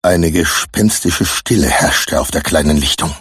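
A man reading a children's adventure story aloud with expressive scripted narration. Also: a bass voice, measured pace, husky, no echo, studio quality. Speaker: audiobook narrator.

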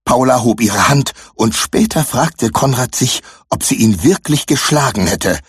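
A man reading a children's adventure story aloud with expressive scripted narration. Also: mid-range voice, unhurried, husky, dry recording, clean studio sound. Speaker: audiobook narrator.

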